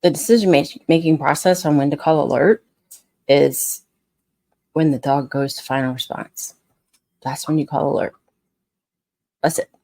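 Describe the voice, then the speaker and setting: A woman's voice: deep voice, steady tone, moderate pace, long pauses, dark tone, dry recording. A woman dog trainer in casual, unscripted talk, blunt and frustrated, rambling with frequent restarts. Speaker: scent work dog trainer.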